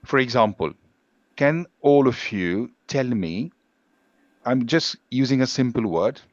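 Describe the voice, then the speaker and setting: A man's voice: mid-range voice, animated, slow pace, dry recording, lo-fi sound. A man teaching an English pronunciation class on a video call, explaining patiently with examples.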